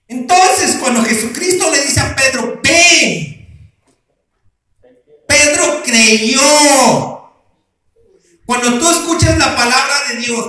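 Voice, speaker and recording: A man preaching in a church with a very high, bright and forceful voice. He takes his time, throws questions out to the congregation, then answers them himself. The sound booms around a very echoey room. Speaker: pastor. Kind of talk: sermon.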